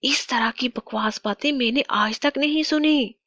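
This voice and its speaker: Woman putting on a wicked cartoon witch, slow, mocking, half-whispered. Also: high voice, a bit bright, no echo, voice pushed up. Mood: scornful. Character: wicked scheming female witch.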